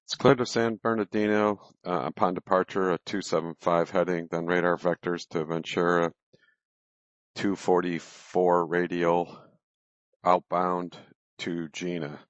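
Deep-voiced pilot on a cockpit headset radio. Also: male voice, flat delivery, measured pace, no room sound. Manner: clipped, methodical, with small hesitations. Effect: pilot transmitting over a cockpit headset radio. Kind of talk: aviation radio calls and readbacks. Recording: dull, dry radio transmission.

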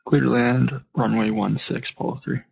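A man with a gravelly, husky voice making pilot calls on air traffic control radio. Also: flat delivery, moderate pace. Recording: muffled low-fidelity radio audio.

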